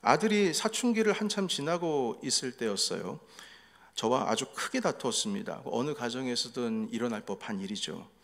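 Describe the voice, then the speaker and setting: A man's voice: medium pitch, expressive, moderate pace, vocal fry, a bit bright. A middle-aged man preaching a sermon as pastor, telling family stories and acting out what was said. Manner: storytelling, acting out family quotes. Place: church sanctuary. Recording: echoey hall reverb.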